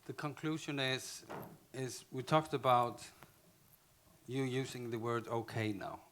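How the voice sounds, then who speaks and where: This man, speaking English with an Icelandic accent, gives a conference talk marked by halting delivery, restarted phrases and frequent self-corrections. His voice is mid-range and fairly bright, with a little hiss or hum audible.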